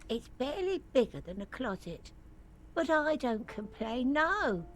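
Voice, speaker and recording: Sickly, grumbling old cleaning woman, coughing and wheezy, drawling slowly. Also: high-pitched, big pitch swings, slight background noise. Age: older. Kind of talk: game voice acting.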